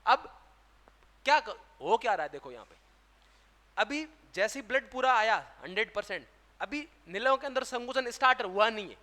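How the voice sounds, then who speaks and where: High, bright-voiced Hindi lecturer in a hall. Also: male voice, animated, normal speed. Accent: Rajasthani Hindi. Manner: asks questions and answers them himself. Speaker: teacher. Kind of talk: classroom lecture. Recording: long hall reverb.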